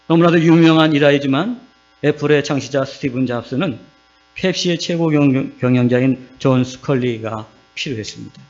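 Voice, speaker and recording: Pastor preaching on a humming lo-fi recording. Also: male voice, on the high side. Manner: keeps asking the congregation questions; lively, acts out quoted voices. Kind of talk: sermon. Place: church sanctuary. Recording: dull lo-fi recording with mains hum.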